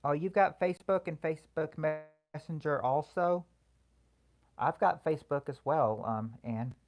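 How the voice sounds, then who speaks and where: Answering viewer comments one at a time, a livestream host chats casually in a soothing, middle-pitched voice. Hesitant phrasing and frequent restarts mark the speech, and the dull audio carries faint music in the background.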